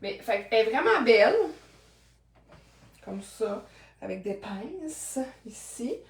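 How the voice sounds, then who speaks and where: Québécois woman, high-ish voice, playful try-on vlogger, heard from a distance off-mic. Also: big pitch swings, slow pace, a little hiss or hum. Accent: Québécois French. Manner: playful, chatty, jokes to herself. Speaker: vlogger showing secondhand clothes. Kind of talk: casual fashion try-on chat. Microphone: camera at a distance. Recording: roomy echo from mic distance.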